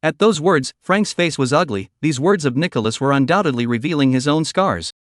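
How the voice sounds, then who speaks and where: A man narrating a dramatic recap story in a scripted, animated reading style. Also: on the high side, brisk, no room sound, studio quality.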